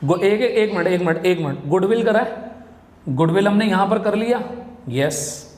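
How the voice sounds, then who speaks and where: A man's voice: high-pitched, expressive, normal speed, darkish tone. A man teaching a commerce class, explaining step by step, calling his students "beta" and putting questions to them. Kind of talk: classroom lecture. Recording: echoey classroom with long reverb.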